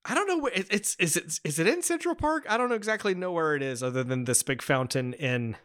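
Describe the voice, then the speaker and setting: A man in a casual film review chat, walking through scenes with eager recaps. His voice has a bright, forward edge. He leans on fillers and often restarts a sentence partway through. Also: a little high, expressive, quick pace. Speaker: podcast co-host discussing a film.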